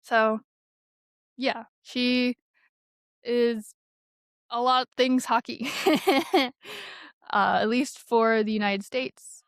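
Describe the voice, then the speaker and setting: Higher-pitched chatty woman, dry sound. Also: steady tone, extremely slow, pauses often, smooth, no room sound. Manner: chatty, with filler-heavy phrasing. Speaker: podcast co-host. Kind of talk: casual podcast chat.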